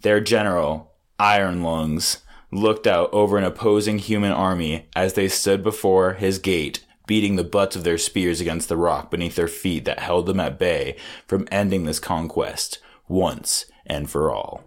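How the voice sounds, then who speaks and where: A man's voice: sits low, measured pace. A man narrating a tabletop game as game master in a loose, joking, profane way, often laughing between lines.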